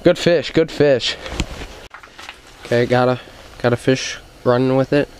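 A man's voice: mid-range voice, steady tone, a little slow, slight background noise. A young man hosting a casual fishing vlog, upbeat and coaching his cousin with short repeated cheers, recorded on an action camera inside a small ice shelter. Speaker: outdoors channel host.

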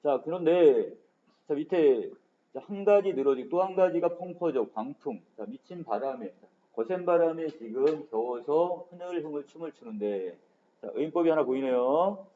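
A man's voice: fairly high pitch, lively intonation, moderate pace. A male literature teacher giving an online exam-prep lecture in a casual manner, starting sentences with frequent filler words, in a dull lo-fi recording.

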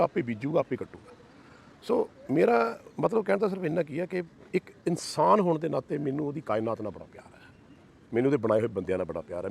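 Fast-talking fervent middle-aged man. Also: mid-range voice, creaky, a little mellow. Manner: fervent, devotional repetitions. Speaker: interview guest. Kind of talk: emotional personal testimony.

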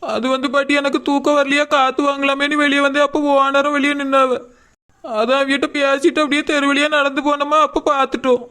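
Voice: high voice, flat delivery, fairly quick, bright, forceful tone. A performer voicing a frightened, tearful pregnant young woman.

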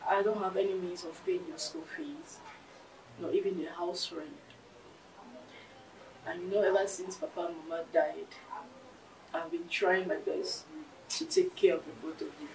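A woman's voice: fairly low pitch, moderate pace, pauses often, distant mic, natural voice. An actress with a Nigerian accent playing an out-of-work older sister soothing her siblings, repeating reassurances through tears. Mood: somber. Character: devoted woman guardian, out of work, comforting. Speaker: older sister caring for two younger girls. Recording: echoey room, mic from afar, noisy.

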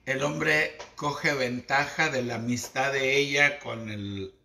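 Slangy Mexican man, slow and echoey. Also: medium pitch, steady tone, vocal fry, bright, forceful tone. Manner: slangy, chatty, theatrical. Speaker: esoteric livestream host. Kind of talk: casual livestream monologue.

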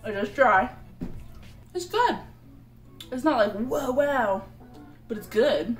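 A woman's voice: a little high, expressive, slow, roomy sound. A young woman vlogger chatting casually and giggly while her mouth is full of candy. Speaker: vlogger tasting snacks. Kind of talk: casual chat. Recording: music playing underneath.

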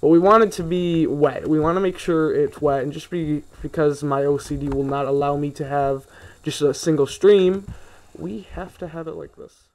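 A man's voice: a little high, steady tone, normal speed, a little mellow. Rambling young man narrating his gameplay. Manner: rambling, easily sidetracked, grumbling asides. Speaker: gaming video host. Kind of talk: casual let's play commentary.

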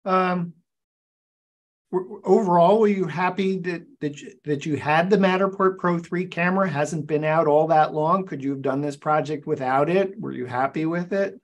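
An older man hosting an interview over a video call, asking questions in a halting way and repeating words as he forms them. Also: fairly high pitch. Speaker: interview host.

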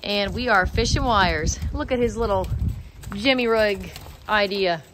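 A woman's voice: medium pitch, unhurried. Teasing woman filming in a noisy barn. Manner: teasing, laughing, chatty. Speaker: vlogger filming her husband's barn work. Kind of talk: casual off-camera narration. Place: inside a large pole barn. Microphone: handheld phone camera. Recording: noisy barn with clicks and vehicle sounds.

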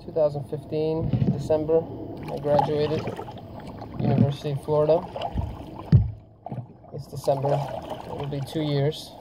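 Twenty-something guy rambling while paddling a kayak, bit high voice, heavy wind and splashing on the phone mic. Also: monotone. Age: 20s. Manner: thinking aloud while paddling, loose and unhurried. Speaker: vlogger. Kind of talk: rambling outdoor vlog monologue. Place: kayak on open water, outdoors. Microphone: phone camera mounted on the kayak. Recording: loud wind and water noise.

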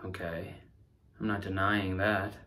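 A man in his thirties playing an earnest, rattled young delivery driver under interrogation, pleading and halting in a naturalistic screen-drama style. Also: low-pitched, level tone, bright, forceful tone, a little hiss or hum. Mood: earnest, defensive. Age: 30s. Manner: pleading, halting, repeats words. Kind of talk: naturalistic screen acting, audition read. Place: small indoor studio against a backdrop.

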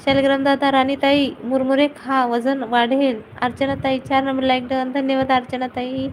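High-voiced woman hosting a live stream. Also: little pitch movement, moderate pace, slight background noise, low-quality recording. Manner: greets viewers by name, playful teasing. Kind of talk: casual live-stream chat.

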